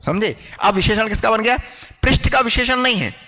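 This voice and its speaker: A male teacher giving an online grammar lecture, explaining patiently, often checking whether students follow and slowing down to dictate example sentences. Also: sits high, pushed and bright, in a large hall.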